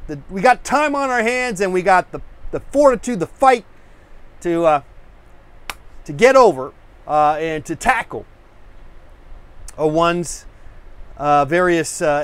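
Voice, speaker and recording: Male painting-show host, a touch high-pitched, casual and rambling, over-caffeinated, lots of restarts. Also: clean tone. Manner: rambling, full of fillers and restarts; self-searching, hunts for words. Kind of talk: rambling casual chat to camera.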